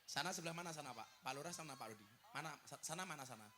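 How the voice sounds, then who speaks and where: Male preacher, high bright voice, comic live sermon, echoey stage sound with faint music. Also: animated, rapid-fire, noisy background. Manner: joking, teasing the crowd, breaking into song. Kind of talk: humorous live sermon with sung prayers.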